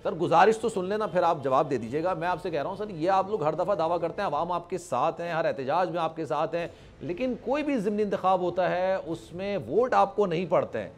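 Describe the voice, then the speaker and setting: A man's voice: sits high, animated, fairly quick, few pauses, soft background music. A male television anchor moderating a political debate, persistently steering the guests back to the topic with polite interjections.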